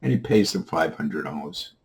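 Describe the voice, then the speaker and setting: A man telling a long joke in a steady storyteller manner. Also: a bass voice, normal speed, gravelly. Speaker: comedian.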